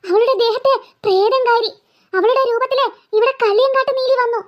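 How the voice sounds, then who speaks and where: Scared cartoon girl, voiced by a woman: very high, panicky, stammering. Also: fairly quick, dull audio. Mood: pleading. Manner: panicky, stammering, calls out for her mother. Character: frightened young girl, excitable and pleading. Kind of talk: cartoon voice acting.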